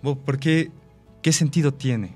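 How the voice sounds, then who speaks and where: A man's voice: fairly high pitch, unhurried, darkish tone, faint music behind. A man, an actor and director, explaining his ideas thoughtfully with examples and rhetorical questions. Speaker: actor and director, interview guest. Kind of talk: reflective interview talk.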